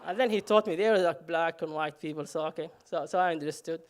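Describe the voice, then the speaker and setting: A man's voice: fairly high pitch, fast, clean tone. A man from Somalia, telling a personal story on stage with self-mocking humor and frequent "uh" fillers.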